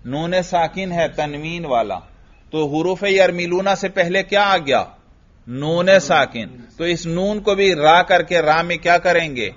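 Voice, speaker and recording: A man's voice: fairly high pitch, fairly bright tone. A man teaching an Arabic grammar lesson, firing questions at his students and answering them himself. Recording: dull lo-fi recording.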